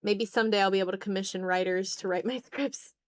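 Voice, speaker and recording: A woman streamer and content creator chats casually while drawing on an art livestream, thinking aloud in a hesitant, self-deprecating manner. Her mid-range voice is steady in tone and fast.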